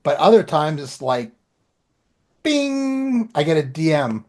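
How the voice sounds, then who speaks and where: On a podcast he co-hosts, an author tells casual, colloquial stories and often performs remembered back-and-forths. His voice is on the high side, slow, sing-song, and a little mellow.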